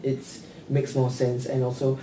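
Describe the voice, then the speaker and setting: A man, a counselor and career advisor, talking haltingly in a workplace supervision meeting and often repeating words. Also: medium pitch, completely flat delivery, mellow, slight background noise. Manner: halting, repeats words, leans on "you know". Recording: echoey room, mic at a distance.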